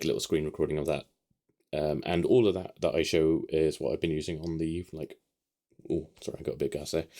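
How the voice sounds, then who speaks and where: Super low-voiced guy from the uk vlogging from his home office, rambly with lots of ums. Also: darkish tone. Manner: rambling, many ums and restarts. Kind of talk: casual rambling update.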